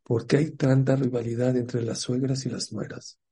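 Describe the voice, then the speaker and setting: A man's voice: mid-range voice, level tone, normal speed, mellow, slightly rough. A man gives a religious talk, telling stories, asking the listeners questions and acting out the characters' voices. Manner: storytelling, asks the audience questions. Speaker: religious teacher.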